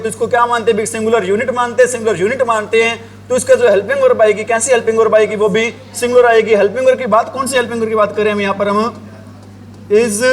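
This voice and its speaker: High-voiced teacher drilling his class. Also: slight background noise. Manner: drills the class with repeated questions, writing on a board. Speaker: English teacher. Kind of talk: classroom grammar lesson.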